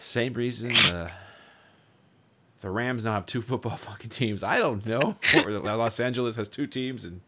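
A man's voice: mid-range voice, moderate pace, slight background noise. A man co-hosting a casual podcast, joking and cursing as he chats about movies. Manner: joking, animated, swears casually. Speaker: podcast co-host. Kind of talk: casual chat. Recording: dull lo-fi audio.

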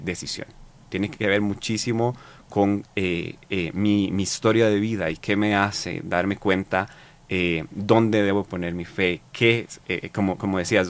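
Costa rican guy, really low voice, thinks out loud, lots of ums and restarts. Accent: Costa Rican Spanish. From Costa Rica. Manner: halting, many fillers and repeated words. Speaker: interview guest. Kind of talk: reflective conversational interview.

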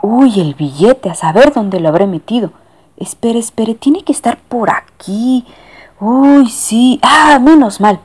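A doting storybook lady passenger, cooing and fussing in a high voice that swoops up and down. A woman acts her out. Her fuss never settles. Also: lively intonation, slow, darkish tone, breathy edge, exaggerated voice. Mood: cooing fussy. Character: fussy doting lady passenger, middle-aged.

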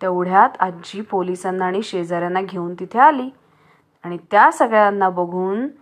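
A woman's voice: mid-range voice, normal speed. Woman telling a kids story. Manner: lively, dramatic storytelling. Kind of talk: children's story narration.

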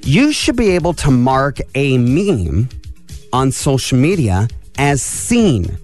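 A man's voice: medium pitch, sing-song, slow pace, a little mellow, faint music behind. A man doing a snotty Valley Girl ranter. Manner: indignant, sneering rants. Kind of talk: comic bit on a radio show.

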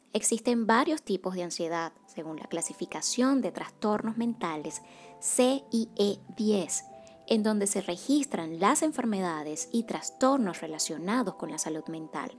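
A woman hosts a wellness podcast and reads from a script in a calm, measured voice. She speaks softly and evenly at a mid pitch. Faint music plays underneath. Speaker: podcast host, psychocorporal facilitator.

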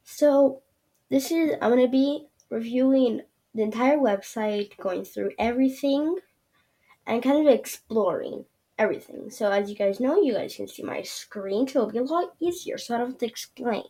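On her own show, a podcast host with a highish, mellow voice at normal speed rambles loosely through a screen-share review, filling gaps with fillers and a trailing "yeah."

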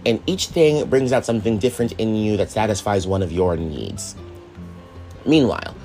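Low-ish guy rambling thru a chill solo talk, swears a bit, jokes at himself, quiet music under it. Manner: rambling, self-deprecating asides with casual swearing. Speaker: podcast host. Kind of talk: casual reflective monologue.

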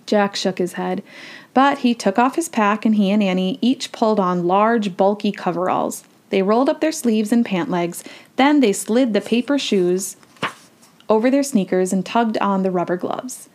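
A woman's voice: medium pitch, moderate pace, a little mellow. A woman reading a children's storybook aloud, with chatty, playful asides. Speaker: children's book reader.

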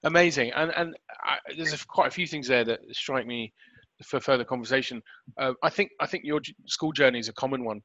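A man's voice: mid-range voice, a little fast, sharp tone, no echo. A middle-aged man hosting an interview podcast in a conversational, encouraging way. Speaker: podcast host. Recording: dry, slightly dull lo-fi audio.

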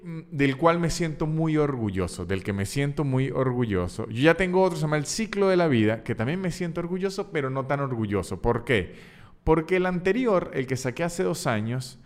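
A stand-up comedian hosts his own podcast, chatting casually in a playful, joking, rambling manner and correcting himself along the way. His voice is fairly high-pitched.

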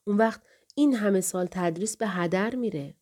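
A woman voicing an elderly male scholar who is kind and grieving, speaking softly and affectionately. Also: mid-range voice, lightly acted. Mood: gentle. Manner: soft, affectionate, slow.

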